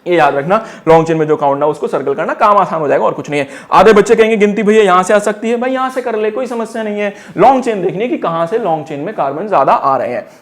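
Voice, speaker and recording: A man's voice: sits high, expressive, quick pace, hardly any pauses. A young man teaching a class-ten chemistry lesson, teasing and quizzing the student like an older brother. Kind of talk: lively board-exam chemistry lesson.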